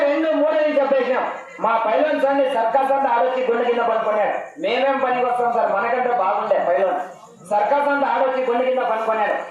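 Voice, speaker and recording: A man giving loud street performer patter, pleading and repetitive, addressing the crowd respectfully. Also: very high voice. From Andhra Pradesh, India, near Karnataka border. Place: live street show, picked up from a distance. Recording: echoey, distant, muffled live pickup.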